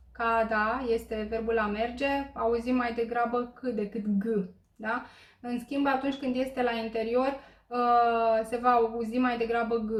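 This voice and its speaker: Hesitant woman teacher in an echoey room. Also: fairly high pitch. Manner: hesitant, many filler pauses, checks in with listeners. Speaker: Korean language teacher. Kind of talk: explanatory lesson.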